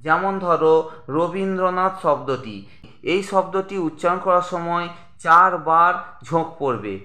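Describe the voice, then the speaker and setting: A man teaching a grammar lesson, explaining slowly and deliberately, breaking example words into syllables and addressing his viewers as friends. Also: a little high, sharp tone, reverberant.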